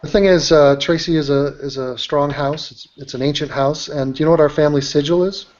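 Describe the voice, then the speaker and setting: A man's voice: on the high side, fairly even intonation, a little fast, darkish tone. Teasing male chat host. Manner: joking, teasing. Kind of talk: casual chat. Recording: dull lo-fi audio.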